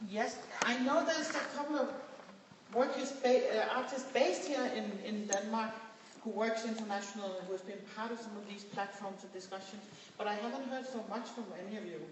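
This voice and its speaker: A woman with a somewhat high voice moderates a panel discussion, hesitant and correcting herself mid-phrase. She sounds far from the mic with strong echo. Clear background noise runs beneath her voice. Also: fairly even intonation, a little fast. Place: conference hall in Denmark. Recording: echoey hall, distant mic, background noise.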